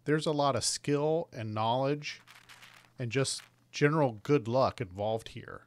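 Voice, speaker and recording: A man hosting a woodworking vlog, narrating in a thoughtful, even-paced casual voice-over. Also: mid-range voice, measured pace. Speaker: woodworking channel host. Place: outdoors in an open park.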